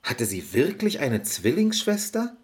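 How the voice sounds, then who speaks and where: A man narrating a fairy-tale audio story in an expressive storybook manner. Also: a little high, unhurried.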